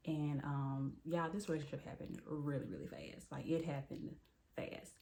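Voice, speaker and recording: A woman with a low, gravelly voice, talking through a personal story. She sounds candid and conversational, with lots of "like"s and pauses. Her tone is dark and mellow. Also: steady tone, a little hiss or hum. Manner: candid, conversational, many fillers and "like"s. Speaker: storyteller vlogger. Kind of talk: casual storytime monologue.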